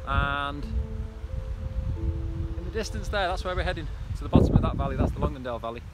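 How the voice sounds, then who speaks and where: A man's voice: on the high side, lively intonation, fast talker, over loud music, low-quality recording. A man in his thirties giving casual vlog commentary into a handheld phone outdoors, talking on the move while trail running. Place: open moorland hillside, outdoors. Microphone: phone held at arm's length.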